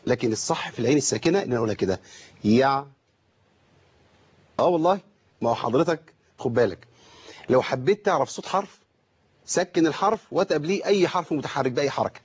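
A man with an Egyptian accent teaching Quran recitation on a broadcast lesson, explaining and slowly demonstrating verses with rhetorical questions. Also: a little high, animated, slightly rough, highs cut off.

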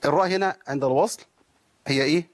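A man with an Egyptian accent teaching a tajweed lesson, explaining pronunciation and stretching out words slowly to demonstrate. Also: a little high. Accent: Egyptian Arabic. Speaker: Quran recitation teacher.

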